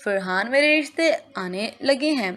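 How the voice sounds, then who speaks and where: A woman reading a young woman's lines in a storybook, a sulky girlfriend who is quick to tears. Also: a little high, animated, fairly bright tone. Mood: upset, tearful. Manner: sulky and reproachful.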